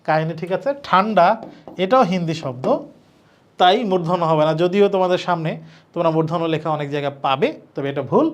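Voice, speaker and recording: A man from Bangladesh, fairly high-pitched and fairly quick, gives an admission-test lecture solving exam questions step by step. He spells words out letter by letter and speaks straight to his students with informal, colloquial turns.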